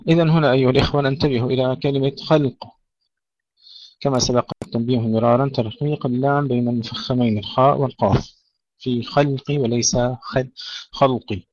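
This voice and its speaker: A man teaching Quran recitation, moving between slow, melodic chanting of verses and brisk explanations of pronunciation. His voice sits at a middle pitch. The recording is dry and dull, lo-fi. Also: fairly even intonation, a little mellow, no room sound. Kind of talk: tajweed lesson, recitation then explanation.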